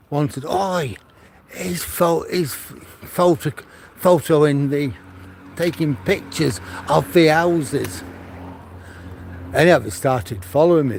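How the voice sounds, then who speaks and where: His voice is mid-range, gravelly and a little mellow, with a slightly rough edge. An older retired man from Manchester, he chats on a walking livestream as he strolls a seaside promenade with his dog, holding his phone on a gimbal, and his rambling anecdotes are full of restarts.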